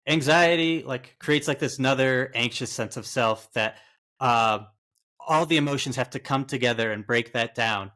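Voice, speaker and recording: A man's voice: mid-range voice, normal speed, pushed and bright. A middle-aged man co-hosting a podcast, recapping a film in a rambling way full of likes. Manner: laughs often, rambling with many likes. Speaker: podcast co-host. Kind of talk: casual podcast chat.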